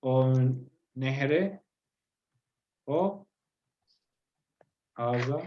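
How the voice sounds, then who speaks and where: A male teacher leads an online group lesson over a video call, his mid-pitched voice coming through dull and lo-fi. He explains patiently, pausing with fillers and often checking in with the class. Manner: patient, explaining, checks understanding with tag questions; hesitant, many fillers. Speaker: Turkish teacher.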